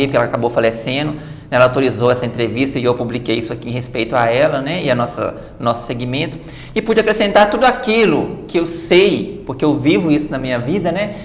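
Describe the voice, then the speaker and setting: A woman's voice: extremely low pitch, echoey room. A woman guest in a TV studio interview, explaining at length and often adding "né" tags. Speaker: guest author and activist.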